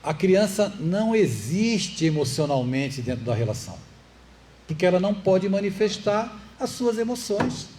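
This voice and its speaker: A Brazilian-accented man gives a public lecture in a spiritist center's hall. His voice sits a little high for a man. He keeps the talk conversational, poses rhetorical questions to listeners, and adds jokes now and then, with faint room noise underneath. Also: sing-song, normal speed, darkish tone. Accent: Brazilian Portuguese. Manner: conversational, asks the audience rhetorical questions, jokes to lighten a heavy subject. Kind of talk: public lecture to a live audience.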